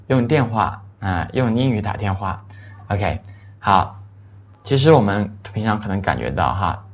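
A man giving a recorded English lesson, explaining patiently and repeating key words, with a faint hiss behind him. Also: lowish voice. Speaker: English teacher.

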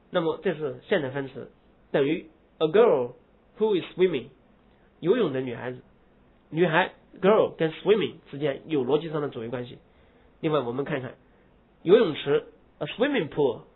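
A man teaching English grammar in a lecture. He explains in Mandarin, asks rhetorical questions and answers them himself, and drawls English example phrases slowly with heavy stress. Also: fairly high pitch, slightly rough. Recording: tinny phone-like lo-fi recording.

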